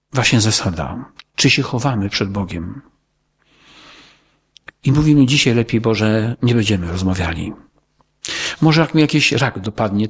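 A man's voice: mid-range voice, husky. A man preaching a sermon in an earnest, pleading way, often repeating his words.

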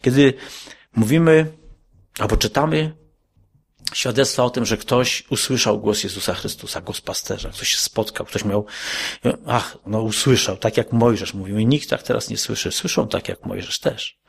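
Guy giving a sermon, gravelly husky voice, keeps asking the crowd questions and then pushes up high on the big points. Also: moderate pace. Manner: questioning, rises to emphatic high peaks. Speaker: preacher.

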